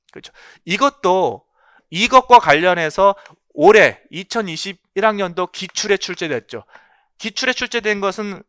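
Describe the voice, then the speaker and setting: A man's voice: high-pitched, bright, forceful tone, clear, resonant tone, dry recording, studio quality. A man giving an exam-prep lecture on English linguistics, emphatic, asking rhetorical questions and repeating key points.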